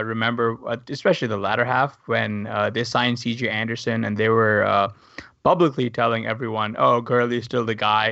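A man co-hosting a fantasy football podcast, talking in a halting, measured way. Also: medium pitch, pushed and bright, no echo. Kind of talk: casual sports podcast chat. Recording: dull lo-fi dry audio.

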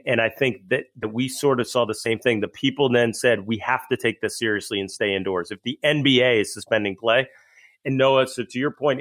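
A man's voice: mid-range voice, a bit bright. Guy co-hosting a hoops podcast, keeps restarting his words, middling voice. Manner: stammering restarts, joking. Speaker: podcast co-host. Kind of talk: casual sports talk with host-read ad.

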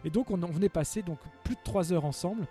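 A man's voice: high-pitched, quick pace, warm tone. A man hosting a film music podcast, telling a long anecdote in a casual, rambling way with many fillers and restarts. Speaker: podcast host. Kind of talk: casual storytelling chat.

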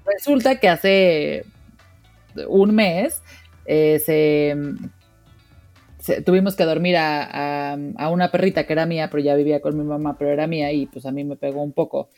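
A woman's voice: low voice, a little mellow, faint music behind. A Mexican woman co-hosting a podcast, telling chatty personal anecdotes in casual conversation. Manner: chatty, quick anecdotes with fillers. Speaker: podcast co-host. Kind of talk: casual interview chat.

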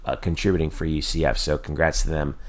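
A man hosting a casual sports talk show, often halting as he searches for his words. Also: rumbling low, little pitch movement. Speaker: sports podcast host.

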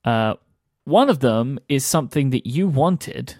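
A man's voice: mid-range voice, lively intonation, a little slow, a little mellow, no room sound, clean studio sound. A man co-hosting a podcast in casual chat, rambling and amused, with lots of fillers. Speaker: podcast co-host.

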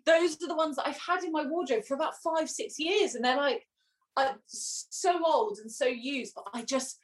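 A woman's voice: high voice, normal speed. A young woman in casual chat, laughing often and acting out what people said to her. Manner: chatty, laughs often, acts out quotes. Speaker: podcast guest.

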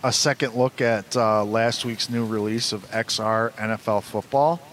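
A man's voice: steady tone, normal speed, fairly bright tone. A man hosting a trading card box-opening show, presenting products and chatting casually. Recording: noisy, with low rumble.

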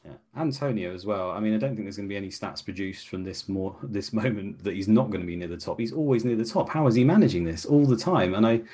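Co-host, man, low voice, rapid opinionated football chat. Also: animated, dark tone, slightly rough. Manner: quick, opinionated, talks in long runs. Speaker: podcast co-host.

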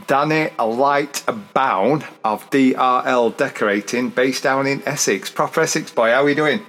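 Bloke hosting a podcast, mid pitch, jokey and blunt, casual chat. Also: male voice, measured pace, a bit bright, faint music behind. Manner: blunt, jokey, mildly sweary. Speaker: podcast host.

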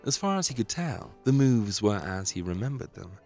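A man narrating a true story in a measured, dramatic storytelling style. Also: lowish voice, big pitch swings, darkish tone, soft background music.

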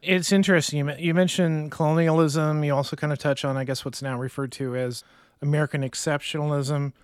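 A male podcast host asks questions in a friendly, joking way and often restarts his sentences. His voice sits a little higher than most men's. The recording is dry and close. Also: fairly even intonation, a little fast, dry recording. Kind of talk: casual interviewing.

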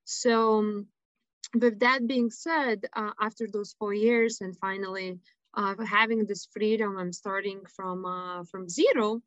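A woman from Lithuania with a Lithuanian accent, a guest telling her life story on a radio show in earnest, halting English. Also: mid-range voice, steady tone, dry recording, dull audio. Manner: earnest, halting, with frequent fillers. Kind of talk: personal storytelling interview.

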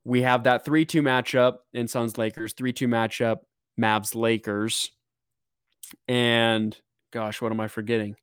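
An excitable man hosting a laid-back sports podcast, mid-pitched and quick to joke. His voice is recorded dry and close, with almost no room sound around it. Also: clean tone, dry recording. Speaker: podcast host. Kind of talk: casual sports chat.

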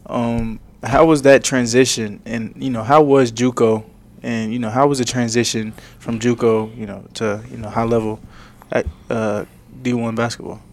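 A man co-hosting a casual interview, asking questions in an unhurried way. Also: mid-range voice, fairly even intonation. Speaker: podcast co-host.

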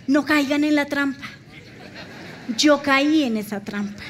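Lady pastor preaching, high voice, emotional storytelling. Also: a little hiss or hum. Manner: emotional storytelling, acts out dialogue. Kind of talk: sermon.

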